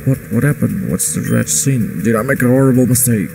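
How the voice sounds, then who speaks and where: A man's voice: mid-range voice, brisk, vocal fry, background noise, close to an everyday voice. A man reading out a boastful male pirate gang leader's lines, attempting a pirate voice that barely comes through. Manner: flat read-aloud of game text, poor pirate voice.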